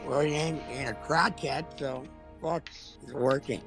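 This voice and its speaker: A man's voice: medium pitch, steady tone, unhurried, vocal fry, over music. A man chatting through a game with a friend, exasperated and bossy. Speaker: co-player. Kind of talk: casual gaming chat.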